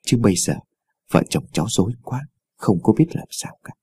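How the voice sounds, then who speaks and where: A man voicing a middle-aged grieving father in a ghost story, speaking quietly and wearily. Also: on the low side, expressive, normal speed, slightly rough, dry recording. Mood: weary. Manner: quiet, weary. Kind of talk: storytelling voice acting.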